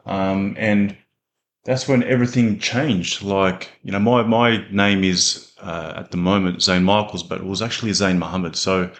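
A man with an Australian accent co-hosting a podcast and telling his stories in a relaxed, plain-spoken way. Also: fairly low pitch. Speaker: podcast co-host. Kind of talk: casual conversational podcast.

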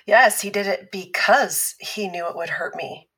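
In a scripted fiction podcast, an actress plays an abuse survivor who stays calm and patient, explaining things in a measured, instructive manner. Her female voice is medium-pitched with a breathy edge, and the mood is frank and pained.

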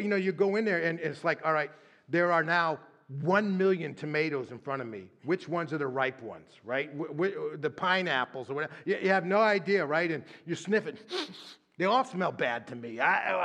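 A middle-aged man preaching as a pastor in a conversational sermon, often adding tag questions and stumbling on repeated words as he starts a line. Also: fairly high pitch. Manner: tag questions, shifts from lively to hushed prayer.

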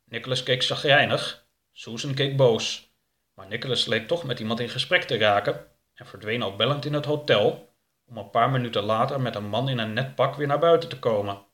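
A man narrating a story in a measured, even way. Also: medium pitch.

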